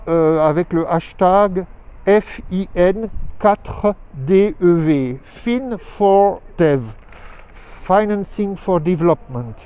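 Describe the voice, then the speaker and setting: A man's high voice with a dark tone carries this casual live vlog update from the streets of a town. He hosts the weekly show, captured on a handheld phone or camera, and rambles hesitantly, leaning on plenty of fillers.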